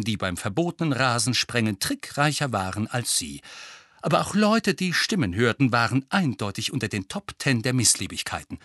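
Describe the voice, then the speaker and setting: A man reading an audiobook with expressive storytelling, close to a dry studio microphone. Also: mid-range voice, dry recording. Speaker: audiobook narrator. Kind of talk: scripted narration.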